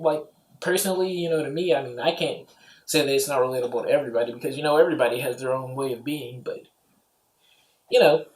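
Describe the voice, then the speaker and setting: In an echoey, roomy home setting, a man with a slightly high, darkish voice gives a loose, offhand film review. He rambles freely and keeps dropping "you know" and "like."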